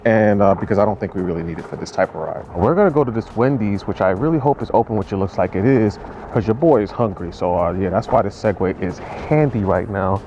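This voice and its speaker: A man's voice: on the low side, fast, mellow, highs cut off. Man's voice jittery with noise-reduction artifacts. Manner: casual, slangy, rambling. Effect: jittery, warbling noise-reduction processing on the voice. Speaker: truck driver vlogger. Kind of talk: casual vlog talk to camera. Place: outdoors at night in an urban area, riding along. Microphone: wireless clip mic under two layers of clothing. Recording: noisy outdoor street sound.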